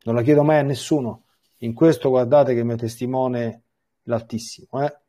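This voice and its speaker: Brief: male priest, warm dark husky tone, teaching scripture with animated readings and repeated restarts. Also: mid-range voice, moderate pace. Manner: repeats words and restarts phrases. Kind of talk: biblical catechesis with scripture reading.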